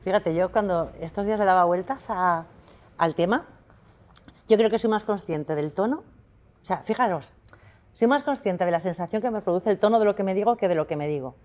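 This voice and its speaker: A woman hosting a relaxed conversation, asking questions and sharing personal reflections. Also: lowish voice, fairly quick. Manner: asks questions, chatty and reflective. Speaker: host. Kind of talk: casual conversation.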